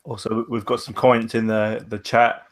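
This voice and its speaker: A man with a slightly low voice hosts a podcast. He talks in an informal, chatty way, as in a casual conversation. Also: level tone, moderate pace. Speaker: podcast host. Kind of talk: casual chat.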